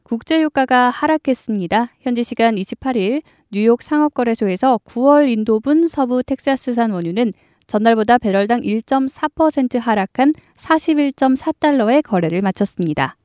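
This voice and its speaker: Woman news host, mellow and dry. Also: a little high, lively intonation, moderate pace, few pauses, dry recording. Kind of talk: radio news presenting.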